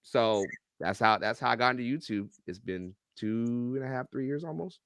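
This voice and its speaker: A man's voice: mid-range voice, normal speed, clean tone, no echo, clean studio sound. A middle-aged man telling stories on a podcast in a casual, joking, profane way. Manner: animated, profane, joking storyteller. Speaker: guest, YouTube reactor and coach.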